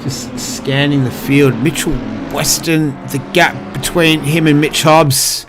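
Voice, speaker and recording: Higher-voiced man calling a motor race. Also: level tone, slow, noisy background. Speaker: motorsport commentator. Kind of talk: live motorsport race commentary, casual.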